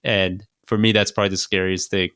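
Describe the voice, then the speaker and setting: A young man co-hosting a podcast, relaxed and rambling in casual chat. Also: sits low, brisk, clear, resonant tone, no echo, studio quality. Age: young adult. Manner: laid-back, rambling tangents. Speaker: podcast co-host.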